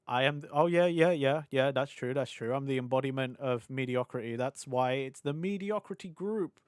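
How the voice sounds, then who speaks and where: A young British VTuber is live-streaming, rambling and laughing as he chats with his audience, his mid-range voice slightly hoarse after hours of talking. His manner is chatty, scattered and quick to laugh. He speaks into a desk mic on a boom arm, and the recording is dry and studio quality.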